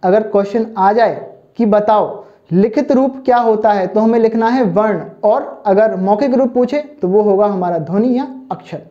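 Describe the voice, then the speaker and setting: A man's voice: sits high, moderate pace. A man teaching an online lesson for exam preparation, who keeps asking whether students have understood and calls them children. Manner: keeps checking understanding with "thik hai" and "samajh mein aaya na"; addresses students fondly as children. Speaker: Hindi teacher. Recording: dull, muffled lo-fi recording.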